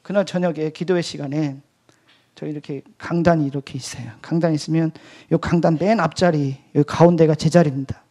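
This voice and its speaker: A male pastor and missionary giving a testimony at an evening church service, swinging between loud outbursts and hushed whispers. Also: a little high, fairly even intonation, fairly quick. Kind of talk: sermon testimony.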